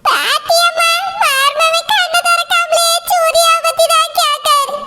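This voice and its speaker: A woman's voice: very high-pitched, steady tone, unhurried, sharp tone, faint music behind, exaggerated voice. A woman voicing an older village mother-in-law in a cartoon, with a Tirunelveli Tamil accent, coaxing and persuasive. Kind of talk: cartoon voice acting.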